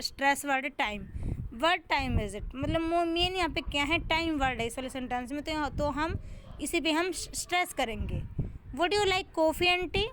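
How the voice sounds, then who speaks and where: A woman with an Indian accent teaching an exam-prep lesson. She reads English lines slowly, then explains them in Hindi, asking questions and answering them herself. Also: high voice, a bit bright, a little hiss or hum.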